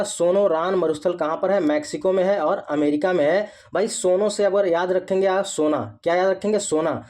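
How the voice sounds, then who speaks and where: A man's voice: fairly high pitch, a little mellow. A young man with a North Indian accent, teaching exam memory tricks. He keeps asking questions and answering them himself, repeating each point.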